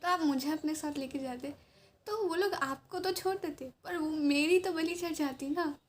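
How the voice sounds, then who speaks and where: Woman voicing a calm wise royal advisor. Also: sits high, normal speed, close to an everyday voice. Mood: reassuring. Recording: noisy background hiss.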